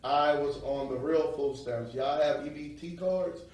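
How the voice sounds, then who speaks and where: Recorded off-mic in a heavily echoing room, this male interview guest speaks with a somewhat high, darkish voice at an unhurried pace. Originally from New Orleans but carrying a New York accent, he preaches emphatically to motivate, regularly checking in with "right?"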